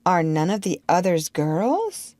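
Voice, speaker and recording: A woman voicing Wendy, an eager, well-mannered young girl, in a wide-eyed, excitable tone for an audiobook. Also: on the low side, takes it slowly, no room sound. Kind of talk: audiobook character reading.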